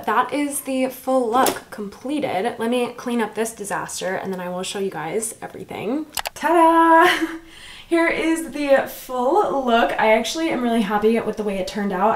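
A bubbly, girlish American woman in her early twenties chatting casually in a get-ready vlog, peppering her talk with "like". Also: a little high. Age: early 20s. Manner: bubbly, girlish sorority-girl chattiness with frequent "like". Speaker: college student vlogger. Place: small bedroom, indoors. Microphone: camera-mounted shotgun mic, close by.

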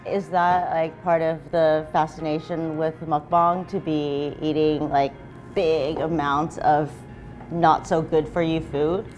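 A woman's voice: sits low, level tone, slow pace, darkish tone, dull audio, faint music behind. A woman hosting a casual interview, asking curious, encouraging questions. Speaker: show host.

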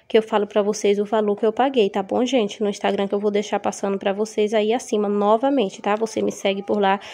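A woman's voice: medium pitch, little pitch movement, a little fast, warm tone. A woman with a São Paulo Brazilian accent, chatting casually to her viewers at home as she shows off products she bought to sell. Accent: Brazilian Portuguese, São Paulo. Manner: chatty, addresses viewers as gente, upbeat. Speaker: vlogger selling gift kits. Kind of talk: casual show-and-tell vlog.

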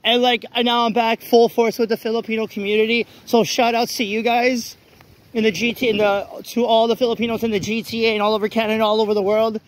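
A man's voice: very high voice, flat delivery, fast talker. A man vlogging outdoors on a wet city street at night while walking, talking bluntly and ranting with many restarts. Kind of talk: walk-and-talk vlog rant. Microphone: phone held while walking.

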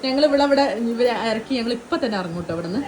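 A young woman chats with family for her vlog, laughing often. Her voice sits high and swings widely up and down. Loud noise fills the background. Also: animated, racing. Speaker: vlogger, mother. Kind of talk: casual family vlog chat.

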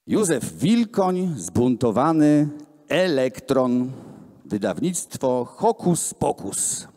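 At a gallery event, a man in his thirties reads children's books aloud into a handheld microphone, theatrical and deliberate, voicing the dialogue. His warm, medium-pitched voice is amplified in a large indoor hall with hard floors, and it's filmed from the room, so it sounds echoey.

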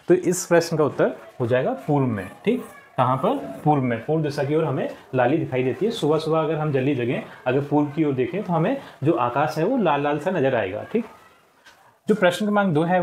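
Man, schoolteacher, patient, repeats answers, fairly high voice, faint hiss behind. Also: a little mellow. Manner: patient, repeats answers, frequent "theek hai". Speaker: teacher. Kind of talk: explaining a textbook lesson.

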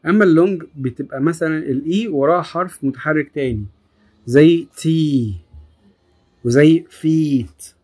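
A woman with an Egyptian Arabic accent teaching an English phonics lesson to children, repeating each example word slowly. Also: deep voice, a little mellow, slightly rough. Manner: slow, drawn-out word repetition.

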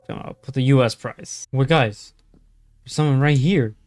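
Soft background music plays in this dry, roomless recording of a young streamer doing horror game commentary on a headset from a small indoor room. His mid-range, darkish voice moves at a moderate pace, slightly strained, as he jumps nervously and addresses his viewers as bro.

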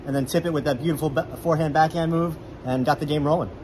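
Standing beside the rink in an indoor hockey arena, a guest sports reporter in his thirties offers eager, casual game analysis, filmed on a phone camera held at arm's length. His voice is a little high and darkish, with fairly even intonation, and he talks quickly and enthusiastically, dropping plenty of "I mean" fillers. Slight background noise is present.

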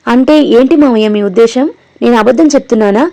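Give me a scheming, theatrical woman as a female narrator reads her, with a mellow tone. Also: a little high, quick pace, close to an everyday voice. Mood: accusing. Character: scheming woman, shrill and dramatic.

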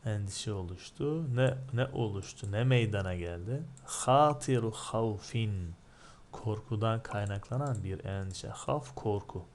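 Slow, low-voiced man teaching a lesson. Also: darkish tone. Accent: Turkish. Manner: reads a word, then translates and explains it. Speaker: religious teacher. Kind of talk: line-by-line translation lesson.

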